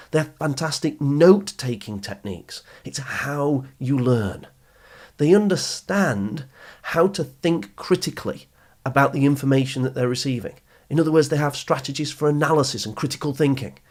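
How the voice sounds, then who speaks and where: On his motivational advice podcast, a British study skills coach explains things emphatically to his audience, using repetition and rhetorical questions. He has a mid-range, darkish voice.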